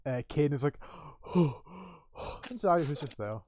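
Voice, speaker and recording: A man's voice: on the high side, lively intonation, slow pace, darkish tone, no room sound, studio quality. A man narrating as game master of a tabletop game, laughing often and slipping into character voices.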